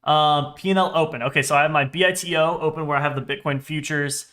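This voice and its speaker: Higher-pitched young man muttering through trades. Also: fairly even intonation, quick pace, pushed and bright. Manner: restless, sweary, muttering to himself as he scans charts. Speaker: day trader livestreamer. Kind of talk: casual live trading commentary.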